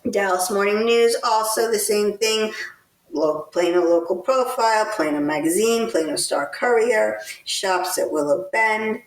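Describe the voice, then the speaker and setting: A woman from Texas co-hosting a local politics podcast, talking in a deliberate, pointed way with some sarcastic criticism. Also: mid-range voice, distant mic. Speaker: podcast co-host. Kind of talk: casual political commentary. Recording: roomy sound, set back from the mic.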